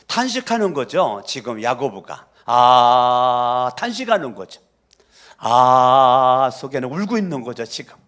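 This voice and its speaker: A man's voice: medium pitch, big pitch swings, a little fast, hardly any pauses, breathy edge. Emphatic, scolding male pastor preaching. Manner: emphatic, scolding, with rhetorical questions. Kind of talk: sermon.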